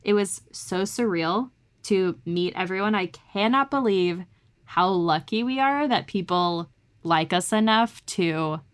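A woman's voice: mid-range voice, lively intonation, measured pace, clean tone. A woman co-hosting a ghost podcast in casual chat, bubbly and enthusiastic. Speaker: podcast co-host.

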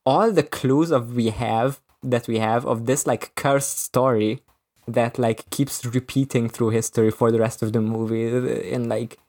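A man's voice: medium pitch, steady tone, measured pace, a little mellow. A man co-hosting a podcast, talking casually about a film and piling up filler words and restarts as he works through his thoughts. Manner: rambling, many filler "like"s and restarts. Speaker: podcast co-host.

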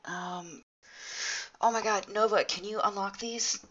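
A woman's voice: medium pitch, steady tone, measured pace, fairly bright tone, highs cut off. A woman player chatting casually in a tabletop role-playing game.

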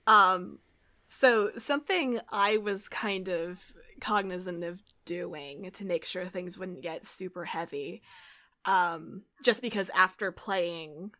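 Speaking slowly in a fairly low, bright, forceful voice, a woman who runs a tabletop game chats casually about the session for a podcast. Recorded over a video call, she laughs often and leans on filler words.

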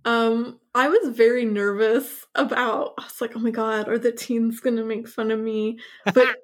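Her voice fairly high and fairly even in intonation, this Hungarian-born actor in her thirties, raised partly in New York and Montreal, talks at a moderate pace as a guest in a casual interview. She laughs a lot and leans on plenty of fillers.

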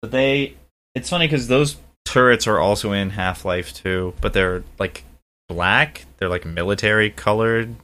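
A man chatting casually about games in a bright, forceful voice that sits a little low. He gets animated and leaps up high in pitch when he jokes around. The talk is loose and friendly, with plenty of asides. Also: a little slow. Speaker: podcast co-host. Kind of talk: casual chat about a video game.

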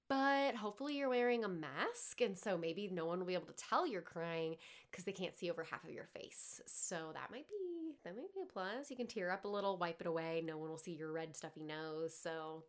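A woman hosting her own podcast, talking in a chatty, candid way, swearing now and then and laughing often. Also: fairly low pitch. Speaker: podcast host. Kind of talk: casual solo podcast chat.

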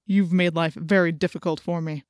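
A cruel, menacing man whose mind is held by an alien parasite, as a woman puts him on for an audiobook. He snaps out threats and orders in a lowered, darker tone. The recording is close and dry. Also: fairly even intonation, moderate pace, a little mellow, dry recording, lightly acted. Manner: threatening, snapping commands. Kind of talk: audiobook character voice.

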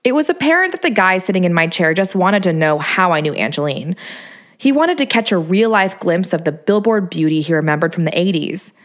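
A woman's voice: fairly low pitch, lively intonation, fairly quick. Wry woman reading a memoir. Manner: wry, self-mocking. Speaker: narrator. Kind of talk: memoir audiobook narration.

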